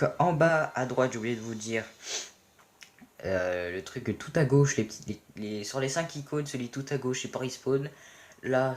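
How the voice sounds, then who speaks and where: A young man with a French accent narrates his match in a fairly low voice. He is playful and jumpy, joking with viewers and yelling encouragement or insults at teammates as the game swings. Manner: playful, excitable, yells and swears at teammates. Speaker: gaming video commentator. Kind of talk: casual gameplay commentary.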